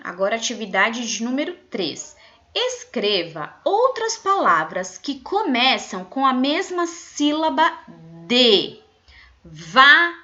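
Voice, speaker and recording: A woman primary school teacher with a Brazilian Portuguese accent, giving a video lesson to young children and stretching out syllables in a slow, sing-song way. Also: a little high, very animated, bright, forceful tone, muffled recording.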